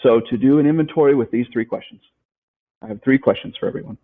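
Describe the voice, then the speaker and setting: A man's voice: medium pitch, fast talker. A man speaking as a life coach guest in an interview, emphatic and motivational, repeating his key points and asking rhetorical questions. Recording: tinny phone-like line.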